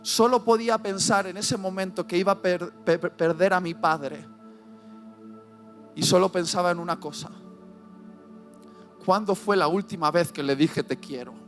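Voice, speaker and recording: Heartfelt man preaching over soft music. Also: high voice. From Spain. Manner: heartfelt, pausing, repeating lines for emphasis. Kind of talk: emotional sermon with personal story.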